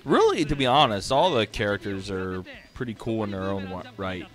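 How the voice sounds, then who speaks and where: A man's voice: lowish voice, sing-song, normal speed. A sleepy man casually commentating fighting game matches on a live stream, thinking aloud with many fillers. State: sleepy, yawning.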